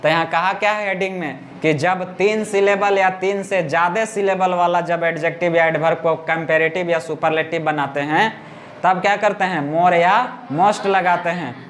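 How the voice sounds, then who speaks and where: High-voiced male teacher drilling grammar. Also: steady tone, fairly bright tone, a little hiss or hum. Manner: repeats and drills words slowly, asks students if they understood. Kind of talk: classroom grammar lesson.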